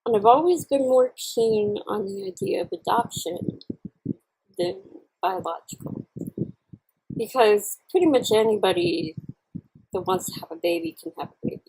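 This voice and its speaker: Husky, animated woman chatting while chewing. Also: medium pitch, poor audio. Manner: candid, halting, reflective. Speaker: vlogger. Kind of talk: casual personal chat to camera while eating.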